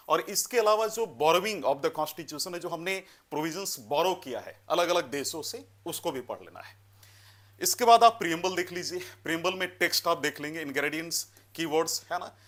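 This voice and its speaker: A man gives a step-by-step, directive exam-prep lecture in Hindi, mixing in English terms and often adding tag questions like "है ना" and "you know." His voice is a little high and a bit bright.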